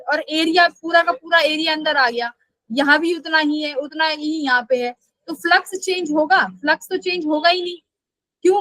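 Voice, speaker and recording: A woman's voice: very high voice, pushed and bright, dry recording, low-quality recording. A woman teaching a live online physics class, asking questions and answering them herself, and scolding students who skip class.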